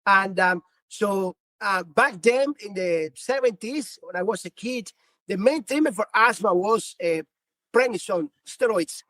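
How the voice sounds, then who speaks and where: A man's voice: high-pitched, animated, a little slow, pushed and bright, no echo. A man in his fifties from Cuba with a Cuban Spanish accent, Spanish his first language, a physician answering earnestly in a podcast interview with many restarts. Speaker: physician guest.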